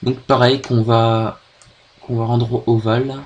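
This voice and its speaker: A young man with a French accent explains editing steps in a screen-recorded tutorial, pausing and restarting often. His voice sits at an ordinary pitch. A light background hiss runs under the desk-mic recording. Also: little pitch movement, dull audio. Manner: hesitant, many fillers and restarts. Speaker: video tutorial maker.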